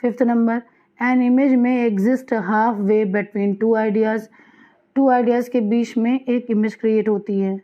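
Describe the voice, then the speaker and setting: A woman teacher giving an exam-prep lecture, reading questions out slowly and then explaining in a quick Hindi-English mix, repeating key answers. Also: on the high side, steady tone. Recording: dull lo-fi sound.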